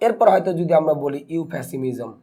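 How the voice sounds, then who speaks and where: A man with a fairly high but mellow voice teaches a grammar lesson. He keeps asking questions and answering them himself, and he stretches out example words slowly. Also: lively intonation, slightly rough. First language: Bengali. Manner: slow deliberate spelling and pronouncing of words. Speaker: English teacher.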